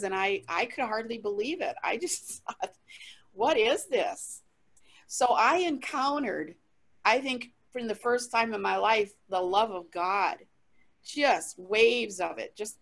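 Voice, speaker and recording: A woman, a traveling minister, giving a candid personal testimony as an interview guest, lively, with frequent laughter and restarts. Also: fairly high pitch, creaky.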